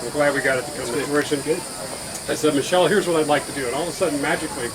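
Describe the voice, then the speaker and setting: Middle-aged man, slightly high voice, casual halting talk, clear background noise. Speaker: guest eating hot wings in a challenge. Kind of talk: casual chat. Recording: noisy outdoor setting with hiss.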